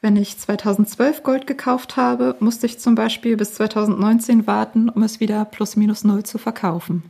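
A woman's voice: mid-range voice, steady tone, normal speed, gravelly, hardly any pauses, mellow, husky. A woman explaining things conversationally as an expert guest and financial adviser.

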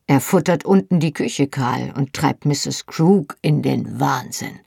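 A narrator voicing Jamie, a wry, good-humoured young Scottish man with dry, teasing replies, in a gravelly, husky voice. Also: medium pitch, takes it slowly, a little mellow, no room sound, exaggerated voice.

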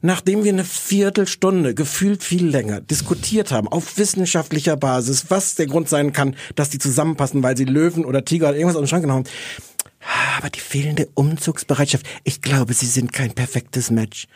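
A man with a slightly high, husky voice, ranting about a TV show in a sarcastic, exasperated way. He sounds close to the mic in a dry room with no echo. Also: a little fast, a little mellow. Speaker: podcast co-host. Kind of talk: casual chat, TV review. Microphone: podcast microphone.

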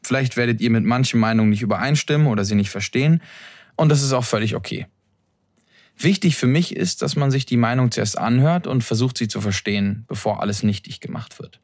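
An earnest young man speaks as a podcast host at a middle pitch, reflective and measured. The sound is close and dry. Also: a little mellow, dry recording. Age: young adult. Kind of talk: reflective scripted intro monologue. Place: his room, seated in an armchair.

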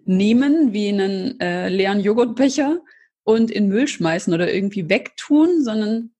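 A woman's voice: medium pitch, expressive, moderate pace, mellow, husky. A woman talking in an earnest, explanatory way, with frequent fillers, in a casual conversation.

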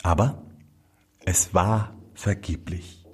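A man reading a fairy tale aloud, slow and very expressive. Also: deep voice, husky. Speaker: storyteller.

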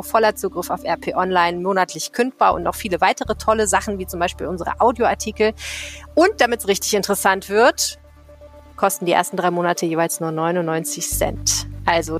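Woman podcast host, casual and laughing, faint music underneath. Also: on the low side. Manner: chatty, laughs easily, reads promo brightly. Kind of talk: casual news podcast chat.

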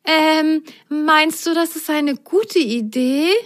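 A woman voicing an excitable, sometimes hesitant young girl sock in a storybook, talking in a high, eager voice. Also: takes it slowly. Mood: unsure.

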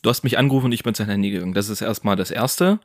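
A man's voice: fairly low pitch, very fast. A man co-hosting a podcast, playing the confused friend on a phone call, stammering out puzzled questions. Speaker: podcast co-host. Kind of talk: comedic phone-call sketch.

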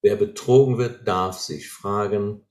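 An earnest man talks through his ideas as if teaching, with a fairly low voice. He keeps checking in with short questions to make sure the listener follows. The sound is roomy, with a clear echo around him. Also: measured pace, darkish tone. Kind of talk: explaining, teaching conversation.

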